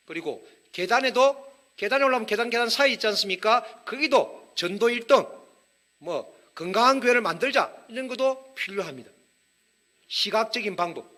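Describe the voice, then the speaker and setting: A man preaching a lively sermon, joking with wordplay and calling on the congregation to raise their hands. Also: high voice. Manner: energetic, humorous, with wordplay and audience prompts. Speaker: pastor. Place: church hall.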